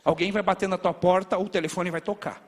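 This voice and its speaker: A man preaching a sermon as a pastor, telling stories in a lively way with sound words. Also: sits high, fast. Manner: animated storytelling with sound words. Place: large church. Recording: long reverb of a church hall. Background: hall reverb.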